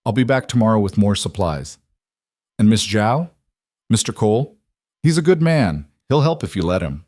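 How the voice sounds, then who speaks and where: A man's voice: lowish voice, sing-song, normal speed, darkish tone, no room sound, clean studio sound. A man voicing a weathered, kind ranch hand who speaks hesitantly and with concern.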